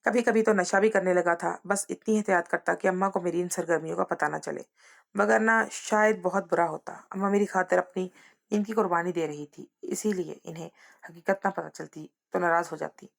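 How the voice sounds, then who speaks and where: A woman narrating a scripted first-person story at a slow, measured pace. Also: fairly low pitch, fairly even intonation, gravelly.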